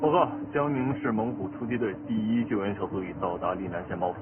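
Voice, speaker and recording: An actor playing a male rescue squad leader radios an urgent, clipped report from a disaster zone, talking fast in a fairly low voice. His words come through a crackly two-way radio, thin and band-limited like a phone line, with clear music playing under the drama. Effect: crackly two-way radio transmission.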